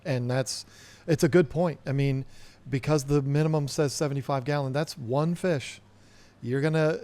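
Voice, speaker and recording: A man's voice: mid-range voice, darkish tone. A man co-hosting a casual podcast, chatting conversationally, telling stories from his own experience and stating his opinions firmly. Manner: conversational, storytelling, emphatic opinions. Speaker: podcast co-host.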